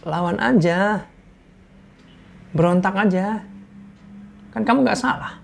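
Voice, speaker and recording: A man's voice: high voice, slow, vocal fry, slight background noise, voice pushed up, full character voice. A man whispering as a sly tempting devil.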